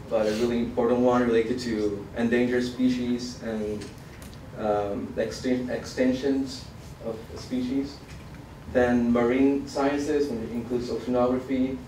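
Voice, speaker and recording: A young man from Argentina, a student giving a conference presentation, halting with many fillers. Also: medium pitch, a little mellow, a little hiss or hum. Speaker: student researcher. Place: college event hall. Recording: roomy hall, mic far off.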